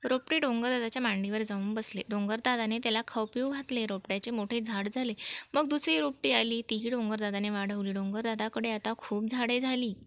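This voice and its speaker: A woman narrates a children's storybook lesson. Her voice sits a touch higher than usual and livens up whenever a character speaks. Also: fairly quick, dry recording. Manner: animated, voices dialogue with lifted pitch. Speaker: storyteller reading a school lesson. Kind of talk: expressive storybook reading.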